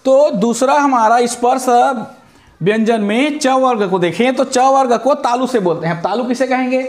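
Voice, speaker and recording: A male teacher giving a lesson on letters and sounds, drawing out each syllable and answering his own questions. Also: very high voice. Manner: explains slowly, asks questions and answers them himself. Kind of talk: classroom lesson on Hindi letters. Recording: echoey room.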